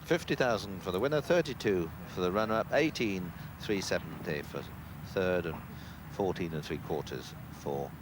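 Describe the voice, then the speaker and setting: A man giving live golf commentary in an unhurried, conversational way. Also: deep voice. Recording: clear outdoor background noise.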